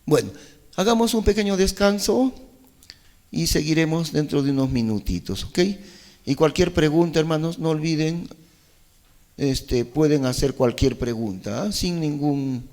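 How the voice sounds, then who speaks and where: A man's voice: a little high, a little mellow. A man teaching a Bible study class in a church hall, asking his listeners rhetorical questions and answering them himself. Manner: slow, questioning, rhetorical back-and-forth with the audience.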